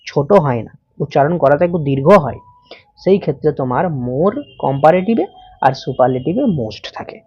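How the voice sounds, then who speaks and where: A woman's voice: low-pitched, dry recording. A woman with a Bengali accent teaching English grammar. She explains each rule step by step, spells words out letter by letter and puts questions to the viewer. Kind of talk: explanatory lesson. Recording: dull, muffled sound.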